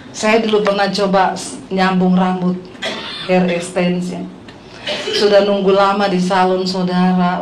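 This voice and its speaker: Animated woman pastor preaching in an echoey hall. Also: medium pitch, slight background noise. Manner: animated storytelling, addressing the congregation, acting out quotes. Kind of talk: sermon.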